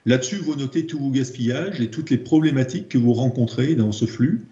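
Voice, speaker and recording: Presenting slides as a process improvement trainer, this French-accented man speaks briskly with a warm, mid-range voice. He hesitates and repeats words frequently, captured in a dull room with a lot of echo.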